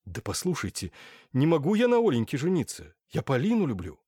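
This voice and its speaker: A man's voice: on the high side, huge pitch swings, a little fast, warm tone, breathy edge, no room sound, voice pushed up, full character voice. Man voicing a desperate young guy begging, earnest, dry close audiobook. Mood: pleading. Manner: earnest, imploring. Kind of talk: audiobook character voice.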